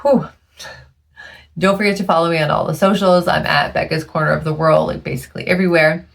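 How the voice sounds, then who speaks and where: A woman's voice: low voice, flat delivery, fast, vocal fry. A woman hosting her own podcast in a casual monologue, chatty and tired, laughing often and losing her voice. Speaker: podcast host.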